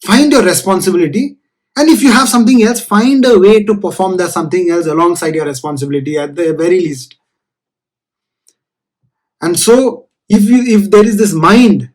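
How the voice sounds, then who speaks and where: A man's voice: high-pitched, darkish tone, poor audio. A man with a South Indian accent giving an informal spiritual discourse as a teacher, earnest and repeating phrases for emphasis.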